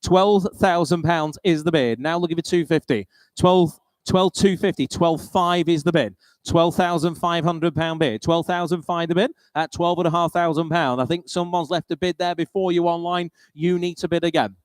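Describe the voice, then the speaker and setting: British male auctioneer calling bids, clear voice. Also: a little high, steady tone, normal speed, dry recording. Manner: repeats bid figures in auctioneer's chant.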